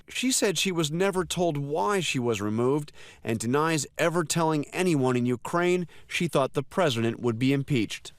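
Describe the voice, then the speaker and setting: A man's voice: fairly high pitch, no echo. An American man reporting the news as a correspondent in scripted narration.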